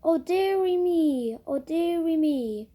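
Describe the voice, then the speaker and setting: A fussing, stammering nurse from a storybook, put on by a woman reading aloud. She repeats her words nervously and bosses people about in a high, unhurried voice with a mellow tone. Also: animated, exaggerated voice. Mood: fussy. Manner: repeats herself in a fussing, stuttering way. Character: fussy, flustered woman nurse.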